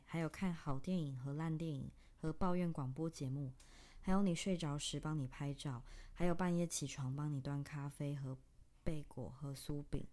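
Low, dark-voiced woman reading drama. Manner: intense, halting delivery in short broken phrases; long breathless list, spoken low and soft. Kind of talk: dramatic reading of a stage text.

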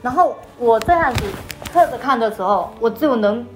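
A woman giving a personal faith testimony as an interview guest. She speaks haltingly, repeating words and restarting often. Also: on the high side, lively intonation, faint music behind.

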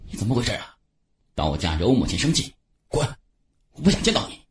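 A man's voice: a little high, wildly swooping pitch, unhurried, darkish tone, breathy edge, pitched above the performer's own voice, full character voice. A man voicing a selfish, hot-tempered young man in a storytelling drama, with a strained, raised voice. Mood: angry.

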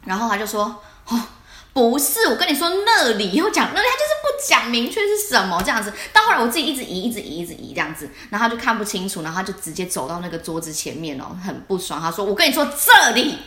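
Animated woman telling stories. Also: mid-range voice, fast talker, roomy sound. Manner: animated storytelling with frequent laughter. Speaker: podcast co-host. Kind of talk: casual chat.

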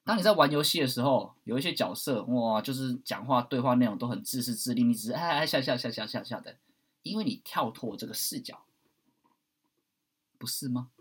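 A man giving a blunt, preachy monologue, swearing at times and swinging between loud outbursts and hushed asides. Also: medium pitch, a little fast, slightly rough. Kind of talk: impassioned monologue.

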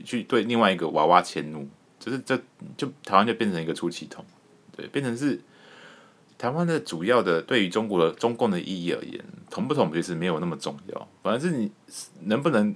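Animated low-voiced man ranting. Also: brisk. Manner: animated, rambling, emphatic, swears casually. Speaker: podcast host. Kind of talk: casual political commentary.

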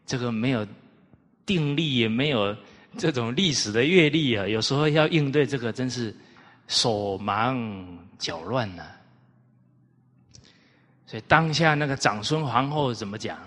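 A male lecturer tells old anecdotes and asks his listeners rhetorical questions. He speaks slowly, with wide swings in pitch and a slightly husky voice. A long reverb trails behind him, as in a hall. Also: animated, a bit bright. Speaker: lecturer on classics. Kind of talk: storytelling lecture.

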